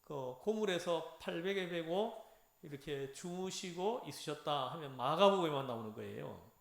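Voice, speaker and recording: A man giving a lively Bible lecture, acting out lines and having his class repeat them. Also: on the high side, normal speed, gravelly. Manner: animated, acts out dialogue, has audience repeat phrases. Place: church lecture room. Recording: echoey room.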